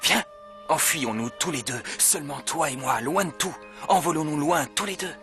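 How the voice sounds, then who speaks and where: An actor playing an earnest, romantic young gentleman in a dubbed telenovela. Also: fairly high pitch, normal speed, lightly acted. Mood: moved, romantic. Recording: loud music behind the voice.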